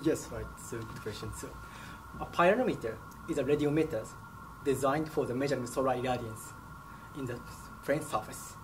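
A young Japanese-speaking man, a product specialist, answers interview questions in his company's indoor lab with short, careful phrasing. His voice sits in the mid range and moves briskly, with lab noise in the background.

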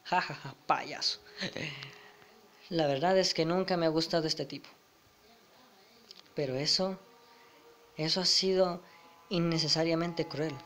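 A man's voice: a little high, fairly even intonation, a little slow, pauses often, fairly bright tone, slight background noise. A young man with a Spain Spanish accent commenting casually over a game, chuckling and reading the dialogue aloud. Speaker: gamer. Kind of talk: let's play commentary.

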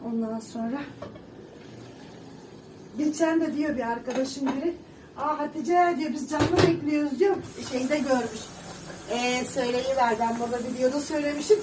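A woman's voice: high-pitched, normal speed. A middle-aged woman chatting casually to her viewers at home, rambling along with frequent fillers. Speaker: vlogger. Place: home kitchen. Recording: echoey room, distant mic, background noise.

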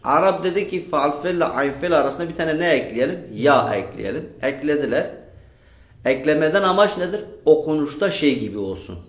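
A man's voice: a little high, expressive, a little fast. A man teaching a grammar lesson, drilling his students with questions and repeating their answers. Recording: echoey room.

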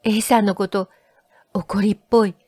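Hushed tearful young woman from an audiobook, read by a woman; slightly raised pitch. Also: fairly even intonation, normal speed, breathy edge, no echo, clean studio sound, close to an everyday voice. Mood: tender. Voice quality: soft, hushed.

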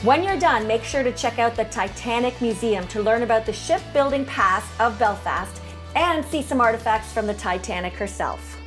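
A woman's voice: fairly high pitch, animated, moderate pace, a bit bright. Upbeat middle-aged woman travel vlogger. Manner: upbeat, descriptive tour narration. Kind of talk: travel vlog narration. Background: background music.

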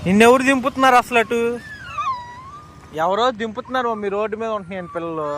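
A man's voice: sits high, fast, noisy background. A man chatting casually with his mother outdoors while feeding puppies, often calling out to her. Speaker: son helping feed puppies. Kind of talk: casual family chat. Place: outdoors by a road.

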